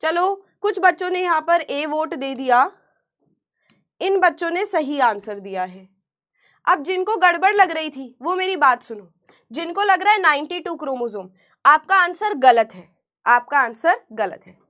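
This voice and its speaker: A woman teacher giving an online class lecture, animated and repeating key terms back to her students as questions. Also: extremely high pitch, unhurried.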